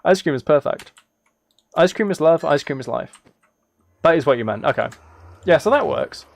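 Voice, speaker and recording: Very animated and fairly high-pitched, with some vocal fry, a man streams live at a moderate pace. He rambles casually to viewers, thinking aloud and often restarting phrases, with typing and clicking noise behind him.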